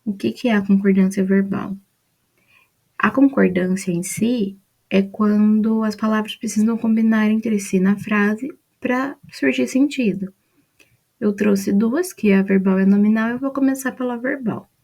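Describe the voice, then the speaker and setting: A woman's voice: mid-range voice, fairly even intonation, measured pace, vocal fry, a little mellow. A woman with a Brazilian Portuguese accent, patiently explaining grammar rules step by step from a mind map. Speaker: student presenting a study mind map.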